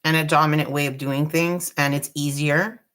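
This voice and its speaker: A woman hosting a live dot painting tutorial, chatty and relaxed, joking about her own nerves. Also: sits low, moderate pace. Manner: chatty, relaxed, self-deprecating. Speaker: craft tutorial host.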